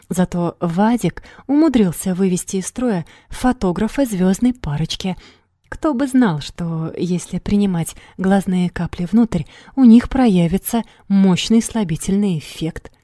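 A woman narrating an audiobook in an even, measured storytelling manner. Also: medium pitch, no echo, clean studio sound.

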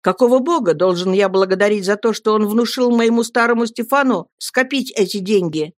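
A woman's voice: mid-range voice, fairly quick, no room sound, pitched above the performer's own voice, natural voice. A woman voicing a proud, ardent young Roman man, speaking with emphatic passion in a dry audiobook reading. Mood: impassioned. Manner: emphatic, impassioned delivery.

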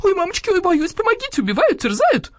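Lady doing a panicky village woman, high shrieky screams, lots of swoops. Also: huge pitch swings, fast, dry recording, heavily acted. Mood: panicked. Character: frightened hysterical village woman, middle-aged.

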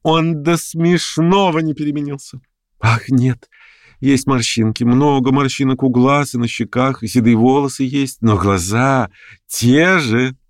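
A man reading an audiobook voices a lively, bold young woman calling out merrily from horseback. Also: medium pitch, unhurried, no room sound, studio quality, pitched above the performer's own voice, close to an everyday voice. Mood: teasing.

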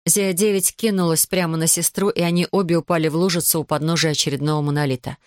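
A woman narrating an audiobook with even, expressive storytelling. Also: low-pitched, quick pace, no echo, studio quality.

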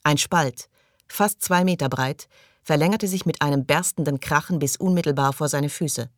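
Guy reading a sci-fi audiobook, measured, dry close mic. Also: on the high side, no echo. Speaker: audiobook narrator. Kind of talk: scripted narration.

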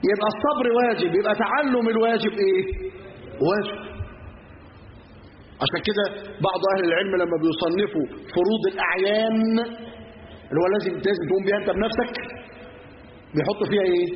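A man with an Egyptian accent preaching a lesson, talking emphatically and answering his own questions. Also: sits high. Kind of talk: Egyptian Arabic sermon lesson. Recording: roomy, echoey, dull, faint hiss.

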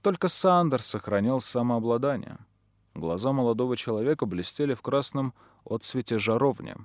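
A man reading a first-person audiobook in a measured, dramatic manner. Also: medium pitch, expressive, dry recording, studio quality. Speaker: audiobook narrator. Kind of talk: scripted first-person narration.

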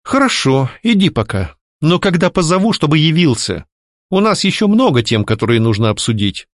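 A man reading aloud gives voice to the haunted house's proud young mistress, a sharp-tongued woman who mocks and scolds ironically yet in a calm mood. Her lilting, sing-song voice rises high at normal speed, captured dry and close to the mic without room sound.

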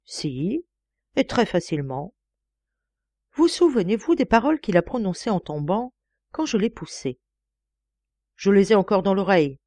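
A woman voicing a clever young male detective who explains his reasoning calmly. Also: mid-range voice, no room sound, studio quality. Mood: explaining. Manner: calm, explaining, measured.

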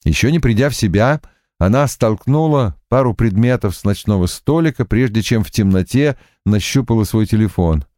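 A man reading an audiobook with expressive, measured scripted narration. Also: on the low side, no room sound, clean studio sound.

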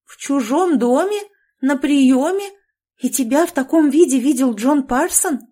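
A woman's voice: sits high, unhurried, warm tone, pitched above the performer's own voice. A woman voicing a nosy, fussy older society lady who exclaims in shock, in an audiobook. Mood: scandalized. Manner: exclaiming, scandalized.

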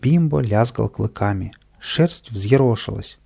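A man narrating a children's storybook at a steady, even pace. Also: fairly low pitch, measured pace, creaky, husky. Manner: steady and even-paced, with lively voiced dialogue. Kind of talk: storybook reading.

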